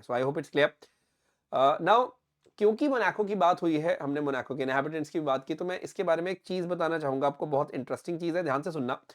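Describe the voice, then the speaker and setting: A young Indian man teaching a current affairs lesson for exam candidates, explaining step by step, often checking that it is clear and slipping into English phrases. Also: fairly high pitch.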